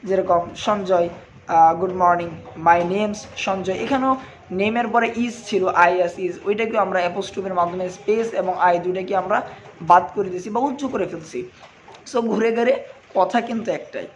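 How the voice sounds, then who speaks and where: A young man with a Bangladeshi accent teaches a children's English class, explaining in Bengali and mixing in English phrases. His voice sits high and he spells words out slowly, letter by letter. A faint hiss runs under the recording. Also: rough recording.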